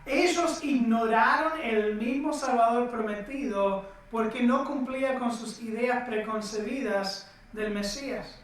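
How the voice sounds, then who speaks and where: A preacher gives a sermon, speaking slowly and emphatically with dramatic pauses. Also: medium pitch. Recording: echoey room, distant mic.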